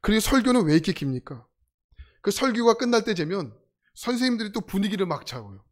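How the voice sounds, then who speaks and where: A man's voice: sits high, quick pace. A middle-aged man from South Korea preaching a sermon, telling stories with humor and acting out the voices of people in them. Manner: animated, acts out quoted voices. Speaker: pastor.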